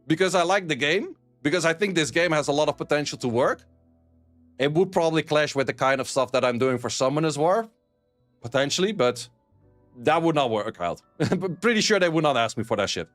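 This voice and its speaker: Chatting casually with his stream viewers and reading their messages, this Netherlands-born streamer and esports caster speaks with a Dutch accent, bluntly and with plenty of swearing and laughter. His fairly high, fairly bright voice is animated and a little fast, with soft music in the background.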